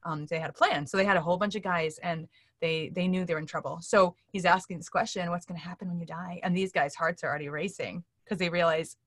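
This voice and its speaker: Sitting on a couch in an indoor room during a video call, a middle-aged interview guest animatedly recounts stories with earnest feeling, voicing the quoted speech of others. She speaks quickly in a lowish, steady, slightly bright voice, and the dry recording is of studio quality.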